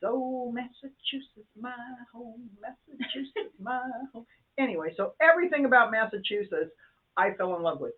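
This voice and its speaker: An older woman co-hosting a casual chat show, chatty and self-deprecating with playful jokes. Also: low-pitched. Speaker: co-host. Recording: tinny phone-like sound.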